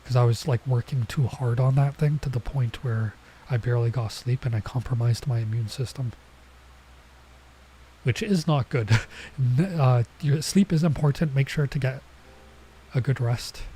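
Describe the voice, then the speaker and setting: The audio is poor, with slight background noise, as a man with a mellow mid-range voice talks at a normal speed. He's a streamer doing laid-back let's play commentary on a visual novel, sounding stuffy and nasal from an oncoming cold and drifting into chatty tangents.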